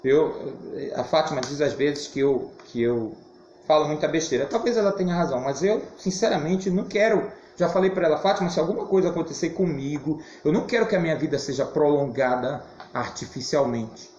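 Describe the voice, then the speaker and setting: A hoarse man teaching an adult Sunday school class, speaking emphatically and now and then shouting. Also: fairly high pitch, fairly quick. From Brazil. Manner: animated, emphatic, occasional shouting. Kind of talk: church Bible class teaching. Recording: roomy, dull, faint hiss.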